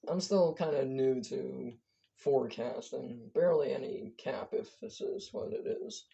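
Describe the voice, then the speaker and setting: An amateur forecaster gives a casual, rambling weather briefing in a hoarse voice that's giving out, often stumbling and correcting themselves. The voice is medium-pitched and warm at a measured pace, in a dull lo-fi recording.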